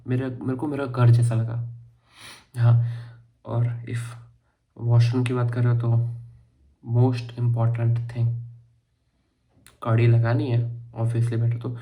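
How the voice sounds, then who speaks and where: A young man from India giving a chatty, joking tour of his student room in a casual vlog, talking fast. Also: medium pitch, narrow, tinny audio. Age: young adult. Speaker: vlogger.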